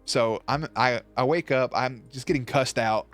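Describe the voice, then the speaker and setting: A man's voice: mid-range voice, moderate pace, soft background music. A young man streaming, telling a rambling story in a loose, profane way and acting out quotes. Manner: loose, profane, animated retelling with acted quotes. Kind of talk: casual storytelling.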